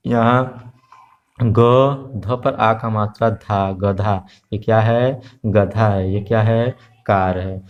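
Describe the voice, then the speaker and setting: Slow and patient, a man leads an online Hindi class for young children, repeating each letter and sound amid frequent filler noises. His voice is on the low side with fairly even intonation, captured in lo-fi quality.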